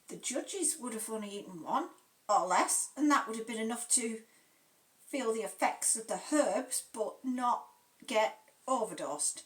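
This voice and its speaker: A woman's voice: a little high, lively intonation, a little slow. A woman reading her story plays an anxious, sheepish lady baker with a hesitant, worried way of speaking. It is heard in a roomy space from a distance.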